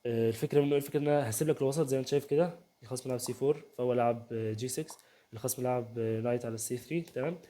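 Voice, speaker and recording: A young Egyptian man races through a chess game analysis at a breakneck clip, his voice dark and mellow. He keeps asking the listener whether they follow, in a loose, conversational way. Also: mid-range voice. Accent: Egyptian Arabic. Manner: rapid, chatty, keeps asking "تمام؟", voices players' banter. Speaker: chess youtuber. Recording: home setup, first video.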